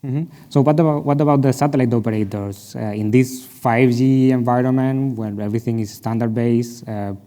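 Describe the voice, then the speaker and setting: Dark-toned man moderating a panel. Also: medium pitch, fairly even intonation, moderate pace, hardly any pauses, in a large hall. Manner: inquisitive, short affirmations. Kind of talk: industry panel discussion.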